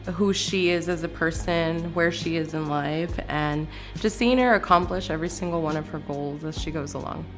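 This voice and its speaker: A woman's voice: sits low, normal speed, few pauses, faint music behind. A woman speaking heartfelt praise in a tribute video interview. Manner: heartfelt, admiring.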